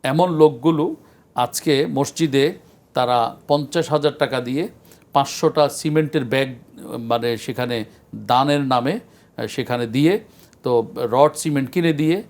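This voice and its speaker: A man, a scholar guest on a religious talk show, speaking in an earnest, measured lecturing way with frequent pauses. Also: medium pitch, darkish tone. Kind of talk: studio discussion on a religious show.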